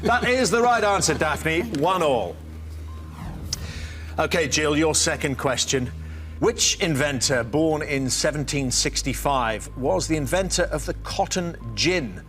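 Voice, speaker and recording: A man's voice: on the high side, animated, unhurried, fairly bright tone, faint music behind. A man hosting a television quiz show, announcing in an upbeat, theatrical way. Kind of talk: studio game-show presenting.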